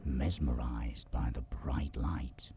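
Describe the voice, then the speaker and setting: A man with a very deep, gravelly voice reading storybook narration for a video game. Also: steady tone, slow, mellow, slight background noise.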